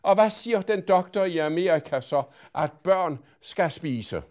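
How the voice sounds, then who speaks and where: A man voicing a sour, scolding older woman who speaks in a shrill, indignant way. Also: lively intonation, a little mellow.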